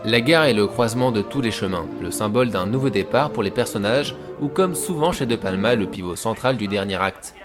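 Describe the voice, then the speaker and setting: A man's voice: lowish voice, animated, a little fast, hardly any pauses. A man hosting a film analysis show, narrating a scripted video essay in an informal way that addresses viewers directly. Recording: voice-over with music behind.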